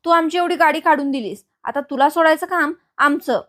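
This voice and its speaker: A woman's voice: high-pitched, brisk, fairly bright tone. A woman voicing a scheming young man in a retold serial, pushy and insistent. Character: scheming young man, a factory owner's brother.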